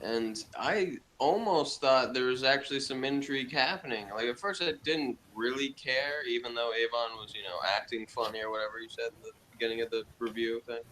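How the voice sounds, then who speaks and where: A podcast reviewer, a man, gives a blunt, dismissive review in casual conversation, talking fairly quickly with hardly any pauses in a medium-pitched, fairly bright voice. The background is clearly noisy.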